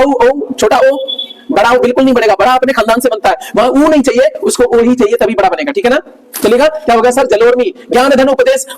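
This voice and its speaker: A man's voice: very high voice, rough recording. A man teaching a grammar lesson to a class, explaining rules step by step and asking the students again and again whether they follow. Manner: keeps asking the class checking questions.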